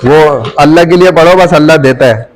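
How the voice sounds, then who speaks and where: A man's voice: fairly high pitch, a little fast. A man from Pakistan, a teacher taking attendance, talking casually and teasing his students as he calls out their names. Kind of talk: casual classroom talk. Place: classroom full of students. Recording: noisy room with crowd chatter. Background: students chattering.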